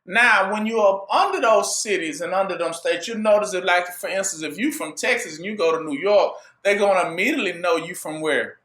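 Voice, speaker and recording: A man's voice: sits high, a little fast, few pauses, sharp tone, roomy sound. A man preaching a sermon, drawing his listeners in with rhetorical questions he leaves for them to finish. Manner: call-and-response rhetorical questions.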